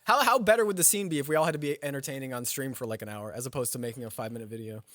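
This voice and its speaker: A man's voice: mid-range voice, racing, no echo, studio quality. A man hosting a casual podcast with friends, rambling and joking as he talks. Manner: rambling, joking, animated, swears freely. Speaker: podcast host. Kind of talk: casual banter among friends.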